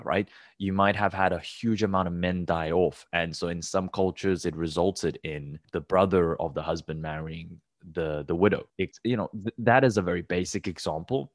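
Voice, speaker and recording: A young man from Taiwan with a deep voice co-hosts a casual podcast, recorded dry and at studio quality. His sentences are loose and rambling, full of fillers and restarts.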